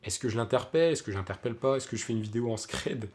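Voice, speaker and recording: A man's voice: mid-range voice, fast, a little mellow. A young man tells a story to his vlog audience in a loose, chatty way. He fills the gaps with plenty of hesitations and restarts. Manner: chatty, many fillers and restarts. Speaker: vlogger.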